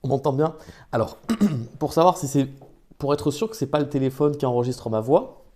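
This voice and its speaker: A man's voice: medium pitch, normal speed, mellow. A man casually chatting to his viewers during a live stream, talking into a phone. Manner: chatty and improvised, talks to his chat.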